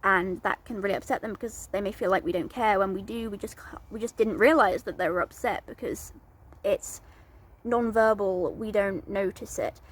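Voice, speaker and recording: A woman speaks to camera in an earnest, plain way, her voice soft and breathy at a middling pitch. She explains things step by step and pauses on the odd filler. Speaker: advocate vlogger.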